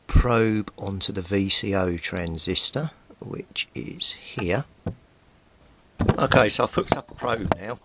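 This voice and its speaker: A middle-aged hobbyist who repairs radios and makes videos narrates his hands-on work informally, thinking aloud as he goes. He sits at a cluttered home workbench indoors, and a rumbly noise runs under the recording.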